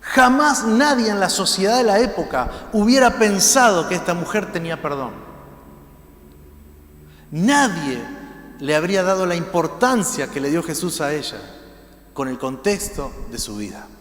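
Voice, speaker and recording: Guy preaching with a river plate accent, bit high voice, goes loud then real quiet, echoey church. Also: animated, unhurried. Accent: Rioplatense Spanish. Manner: shifts between loud emphasis and hushed quiet lines. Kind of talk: sermon.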